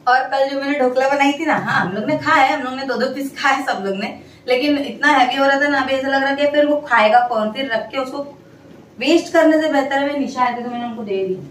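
A young family vlogger chats casually with her viewers from her home kitchen, relaxed and talkative as she goes through her errands and cooking, and she coaxes her baby in a sing-song way. Her voice sits a little high and she talks a little fast. She's far from the mic in an echoey room, so the recording is rough, with a faint hiss of room noise underneath.

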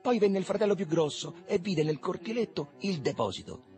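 A man reading a literary novel aloud in a lively, expressive way. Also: high-pitched, moderate pace, faint music behind. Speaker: reader.

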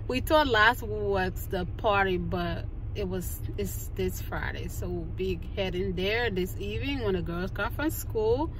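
A young adult woman vlogging in casual chat from her car, talking while she eats, recorded on a phone on the dashboard. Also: mid-range voice. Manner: talks while eating, chatty and relaxed. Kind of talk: casual vlog chat to camera. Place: parked car, indoors. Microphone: phone camera on the dashboard. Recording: distant phone mic with loud road noise.

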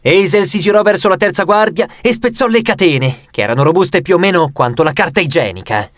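A man's voice: brisk, no room sound, studio quality. A man reading an audiobook aloud, narrating expressively and raising his voice for the characters' lines. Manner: expressive, raises pitch for quoted lines.

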